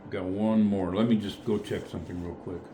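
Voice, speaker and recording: A man's voice: deep voice, fairly even intonation, brisk, warm tone, a little hiss or hum. A man leading a casual group Bible study, thinking aloud in a tentative way and often correcting himself.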